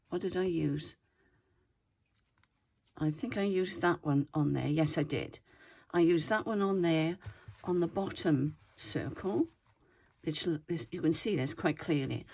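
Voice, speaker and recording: An older woman with a deep, darkish voice, some vocal fry and a breathy, slightly wheezy edge chats casually while showing off her craft project at home. As a craft video host, she meanders, corrects herself and keeps the show-and-tell talk relaxed.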